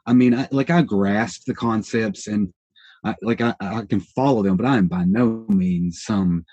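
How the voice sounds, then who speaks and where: Thinking aloud as a podcast guest, this independent researcher in his thirties rambles, self-corrects, and hedges while casually explaining ideas. He speaks at a moderate pace in a lowish, slightly mellow voice with a breathy edge. There is no echo, and the highs are cut off.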